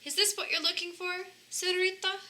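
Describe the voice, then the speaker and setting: A woman voicing a brisk, helpful laundromat manager in a children's storybook. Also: very high voice, steady tone, background noise, voice pushed up.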